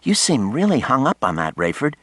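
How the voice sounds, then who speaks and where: A man's voice: medium pitch, huge pitch swings, fairly quick, fairly bright tone, no room sound, pitched above the performer's own voice. A man voicing a hurt, guarded woman in an audiobook, cool and pointed. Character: hurt, guarded adult woman, sharp-tongued. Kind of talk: audiobook character voice.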